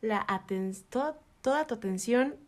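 Her voice sits on the high side and moves a little slowly. A podcast co-host with a Mexican Spanish accent, she explains things casually like a teacher, staying animated and laughing a lot.

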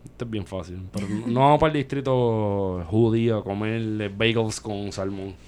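Low-voiced Puerto Rican man, slangy and irreverent. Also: normal speed, a little mellow, clear, resonant tone. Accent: Puerto Rican Caribbean Spanish. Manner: irreverent, slangy, swears freely. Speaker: podcast host. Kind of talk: casual podcast chat.

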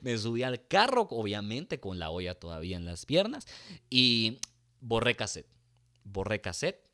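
A man spins a rowdy comic anecdote in a fairly low voice. He swears freely, mocks himself, and jumps into shouted bits as he acts out the scene. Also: big pitch swings, a little slow. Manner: crude, profane, self-mocking, acts out shouts. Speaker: storyteller.

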